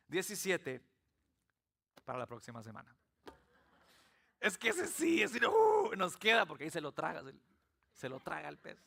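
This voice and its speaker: A man's voice: fairly high pitch, vocal fry. A man from El Salvador with a Salvadoran Spanish accent, preaching a sermon as pastor and telling stories with humor. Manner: animated storytelling with humor. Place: church.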